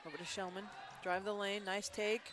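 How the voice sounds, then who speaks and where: A woman doing play-by-play for a school basketball game, chatty and quick with her calls, with frequent agreeing hums. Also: medium pitch, fairly even intonation, very noisy. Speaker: play-by-play announcer. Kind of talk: live basketball commentary.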